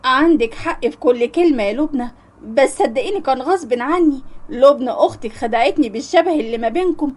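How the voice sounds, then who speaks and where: A woman's voice: high-pitched, animated, fairly quick, a little mellow. A woman with an Egyptian accent voicing a young man, an earnest, hot-tempered fiancé. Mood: pleading.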